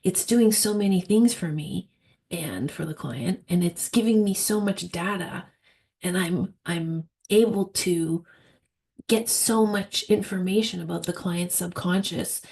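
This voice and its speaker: A woman with a fairly low, noticeably creaky voice explains technique informally, like a practitioner teaching. She is thoughtful and emphatic, often pausing partway through a phrase to land a point. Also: darkish tone.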